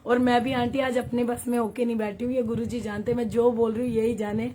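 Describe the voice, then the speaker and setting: Woman from Haryana, satsang leader, chatty and laughing, slightly high voice, faint background noise. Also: level tone, a little fast. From Haryana, India. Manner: chatty, warm, laughs often, reads viewer comments aloud. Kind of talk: devotional storytelling and live chat.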